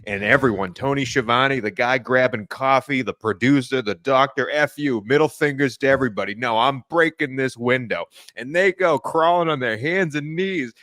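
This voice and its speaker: A man's voice: medium pitch, moderate pace, hardly any pauses, a bit bright, no echo, clean studio sound. A man co-hosting a casual wrestling podcast, ranting bluntly and sarcastically with swearing. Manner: blunt, sarcastic, profane rants. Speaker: podcast co-host.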